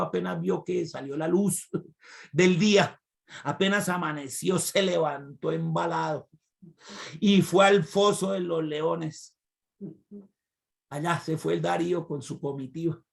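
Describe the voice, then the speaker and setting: Male preacher, gravelly and a bit high, animated storytelling sermon. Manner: animated, swinging from loud cries to low asides. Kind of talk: sermon retelling a Bible story.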